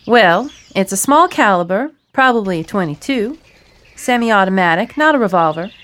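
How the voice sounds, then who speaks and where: A man's voice: high-pitched, expressive, moderate pace, fairly bright tone, voice pushed up. A man voicing a sassy, folksy woman who knows a great deal about guns. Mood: knowing, folksy.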